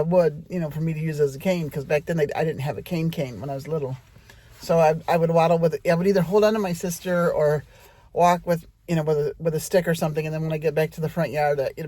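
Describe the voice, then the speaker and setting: A woman's voice: low voice, a little mellow, no room sound. A middle-aged woman telling a rambling personal story in a chatty way, talking straight to her audience.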